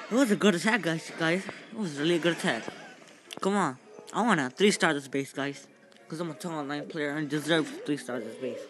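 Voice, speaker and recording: A man giving casual gameplay commentary as a channel host. He talks in a halting, rambling way with many fillers and restarts, and cheers loudly at the game. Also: a little high. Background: game music.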